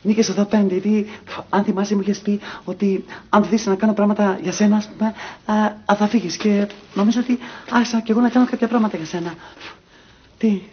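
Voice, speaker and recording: Man doing a mopey suitor, stammering, fillers, very high pitch, muffled broadcast audio. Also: fairly even intonation, slight background noise, lightly acted. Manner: hesitant, mumbling, full of fillers. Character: lovesick young man, clumsy and mopey. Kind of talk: TV sketch comedy acting. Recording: dull TV broadcast sound.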